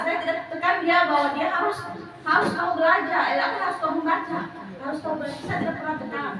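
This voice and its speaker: A woman teacher talks in an earnest, hesitant way, often starting her sentences over. Her voice is high. She sounds far from the mic in a very echoey room, with a crowd murmuring behind her. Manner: earnest, hesitant, many restarts and fillers. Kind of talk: telling a classroom problem at a teacher workshop.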